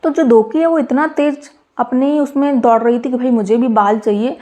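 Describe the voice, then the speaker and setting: A woman's voice: high voice, steady tone, normal speed, warm tone. A woman teacher reading a children's story aloud and retelling each line in simpler words, checking in with questions.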